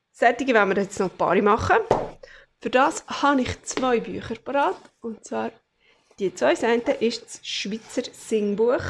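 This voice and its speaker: A woman with a Swiss German accent, hosting a casual crafting vlog, chatty and full of fillers as she shows her things to the camera. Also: on the high side. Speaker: craft channel host.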